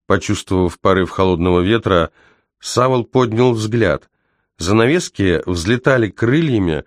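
A man reading a story aloud as scripted narration, measured and tense, slowing down for dramatic moments. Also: lowish voice, no room sound, clean studio sound. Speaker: audiobook narrator.

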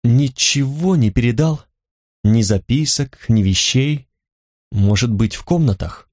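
A man's voice: mid-range voice, unhurried, darkish tone, no echo, studio quality, close to an everyday voice. A man voicing an eager, curious young woman who asks question after question.

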